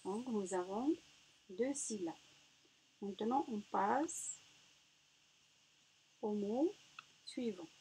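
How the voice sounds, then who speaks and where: A woman teaching a reading lesson to young children, slow and patient, praising answers and sounding out each word. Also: medium pitch, animated, dark tone, breathy edge. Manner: patient, encouraging, spells out syllables. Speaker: primary school teacher.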